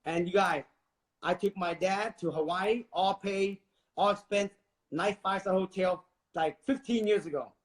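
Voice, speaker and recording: A man from Vietnam in his forties talks as an interview guest with a high-pitched voice. He is emphatic and preachy and keeps turning to the listeners directly. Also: unhurried. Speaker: guest, real estate investor. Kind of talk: motivational interview talk.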